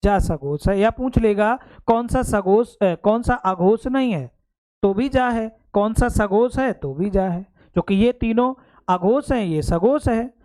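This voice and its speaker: एक पुरुष हिंदी शिक्षक, जो परीक्षा की तैयारी के लिए कक्षा में समझाता है और बार-बार पूछता है कि बात समझ आई या नहीं।. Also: male voice, high voice, a little slow, a little mellow. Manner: explains step by step, keeps checking understanding; addresses students fondly as "beta". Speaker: Hindi teacher. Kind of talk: exam-prep classroom lecture.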